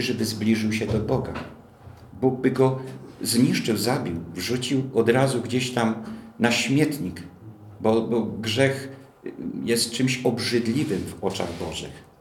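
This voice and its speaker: A man preaching a teaching sermon on the Bible, slow and deliberate, often asking his listeners questions. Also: medium pitch, roomy sound. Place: church hall.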